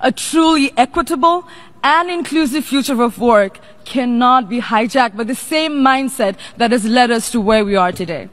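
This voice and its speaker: A young woman from Nepal, a youth representative, delivering a formal prepared speech in a measured, deliberate way. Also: a little high.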